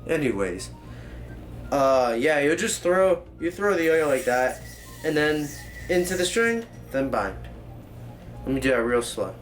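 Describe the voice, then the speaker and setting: A man's voice: a little high, very animated, unhurried, pauses often, faint music behind. A man hosting a casual, joking tutorial, explaining like a rambling professor who drifts into tangents and corrects himself. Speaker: tutorial host.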